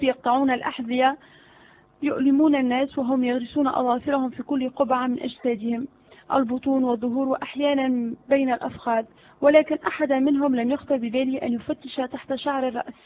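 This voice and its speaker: A scheming, sweet-talking servant, as a woman reads him in a spoken storybook. The voice is high and the audio is narrow and tinny, like a phone line. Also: quick pace, slight background noise, lightly acted. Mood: sly. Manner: flattering, sly. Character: cunning flattering male servant, scheming.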